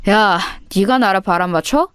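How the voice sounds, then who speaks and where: A woman's voice: medium pitch, moderate pace, smooth, dry recording, clean studio sound, natural voice. A woman voicing a menacing teenage boy bully who threatens and taunts a girl, in a narrated audio story.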